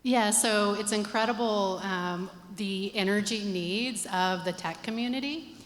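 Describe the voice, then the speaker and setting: A woman's voice: medium pitch, measured pace, slight background noise. A woman speaking as a founder on a conference panel, explaining her points confidently. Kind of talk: panel discussion. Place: conference stage. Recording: reverberant conference hall.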